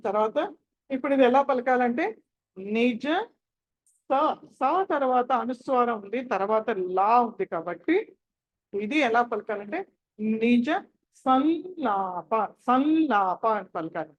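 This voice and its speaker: Slow, patient woman teaching chanting. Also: a little high, animated, highs cut off. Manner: patient, spells out syllables one by one; repeats words slowly for students to copy. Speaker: recitation teacher. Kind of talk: chanting pronunciation lesson.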